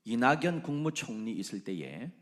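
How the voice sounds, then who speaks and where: A middle-aged man preaching a sermon, swinging between loud exclamations and hushed whispers. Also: mid-range voice, big pitch swings, normal speed. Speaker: pastor. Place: church sanctuary.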